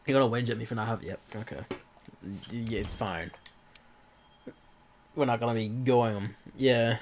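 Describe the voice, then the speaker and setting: A man's voice: medium pitch, normal speed, darkish tone, a little hiss or hum. A man with an irritated throat and a cough, rambling through casual let's-play commentary with offhand swearing and muttered asides. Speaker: gaming video host.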